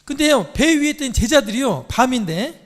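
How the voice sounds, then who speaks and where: Animated high-voiced man preaching in a hall. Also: brisk. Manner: animated storytelling, quizzing listeners. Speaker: church teacher. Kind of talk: sermon to a congregation.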